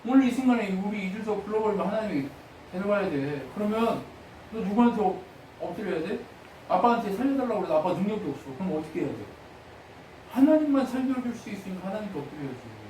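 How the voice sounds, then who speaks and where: Speaking from afar in a heavily echoing church hall, a high-pitched pastor gives an animated, quick-paced sermon in a dark tone. He keeps questioning the congregation and dramatizes short pleading prayers at raised volume. A faint murmur and a little hiss or hum sit beneath him.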